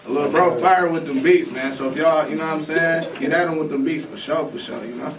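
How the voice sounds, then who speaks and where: A man's voice: on the high side, quick pace, echoey room, far from the mic, a crowd in the background. A man in his twenties hosting a casual group radio chat, laid-back and slangy, often saying "you know". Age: 20s. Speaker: radio show host.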